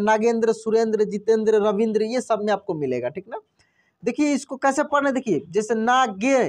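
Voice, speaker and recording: Patient male reading teacher. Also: very high-pitched. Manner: spells out words slowly, repeats them, quizzes the listener. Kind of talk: classroom-style reading lesson.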